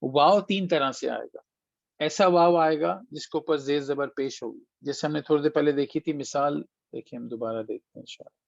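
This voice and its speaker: A man's voice: fairly high pitch, vocal fry, no echo. A man teaching Quran recitation in an online lesson, patiently explaining step by step, demonstrating sounds and mixing in English phrases, over dull, dry call audio. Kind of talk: online tajweed lesson answering students.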